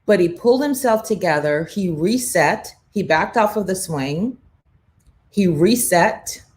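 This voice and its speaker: A woman's voice: lowish voice, lively intonation, a little slow, darkish tone. A woman hosting a morning show, giving an emphatic motivational talk with faith references. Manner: emphatic, preachy, with faith references and quoted inner voices. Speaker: morning show host, brand coach. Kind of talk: motivational live-stream talk.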